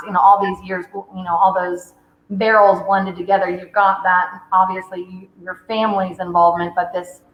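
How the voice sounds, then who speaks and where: A woman's voice: fairly low pitch, roomy sound, low-quality recording. A woman hosting a virtual wine tasting, chatty and enthusiastic, rambling through her thoughts. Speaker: wine shop host. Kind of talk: casual virtual tasting chat.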